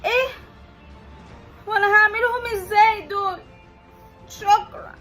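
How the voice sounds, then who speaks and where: Eager naive girl, acted by a woman, Egyptian, very high and bright. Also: fairly even intonation, moderate pace, faint music behind. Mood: curious. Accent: Egyptian Arabic. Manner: wide-eyed, questioning. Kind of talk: comedy sketch.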